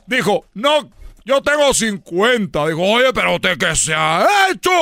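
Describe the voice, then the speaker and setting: A man's voice: sits high, animated, a little slow, vocal fry, sharp tone, no room sound, exaggerated voice. A man voicing a rambling comic character who tells a long story, repeating himself and laughing at his own jokes. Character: rambling man, son of a dictator. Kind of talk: comedy sketch storytelling.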